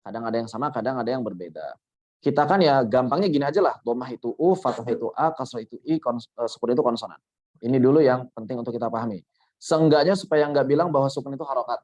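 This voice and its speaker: A man's voice: medium pitch, quick pace, a little mellow, muffled recording. A man teaching Quran recitation in an online workshop, patiently explaining with repeated examples.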